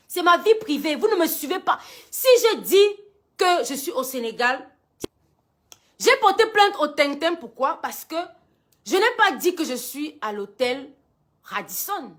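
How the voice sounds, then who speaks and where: A high-voiced woman tells a story to her followers. She is dramatic and emphatic, swoops up and down a great deal, and throws English phrases in. Her voice is bright and sharp.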